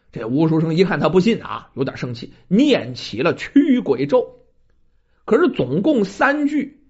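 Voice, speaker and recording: A storyteller telling a folk ghost tale in a lively, colloquial way, talking to the listeners. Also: medium pitch, husky, muffled recording.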